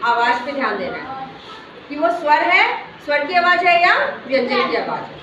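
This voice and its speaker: A woman's voice: high voice, sing-song, moderate pace, bright, forceful tone, lo-fi sound, a little hiss or hum. A woman teaching a class, asking the pupils question after question as she explains. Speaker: schoolteacher. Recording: very echoey classroom from far off.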